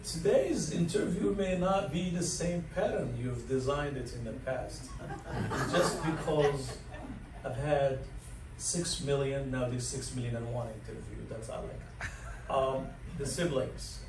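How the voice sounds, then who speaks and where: A dining director in his sixties from Morocco tells his life story as an interview guest, rambling, chuckling often, and using plenty of fillers. His voice is medium-pitched and unhurried. Recorded from a distance in a large learning center room, the audio is echoey with faint noise.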